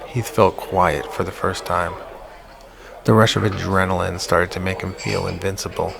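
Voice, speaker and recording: A man narrating a psychological horror audiobook in a measured, slow-burn way. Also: deep voice, little pitch movement, gravelly, noisy background.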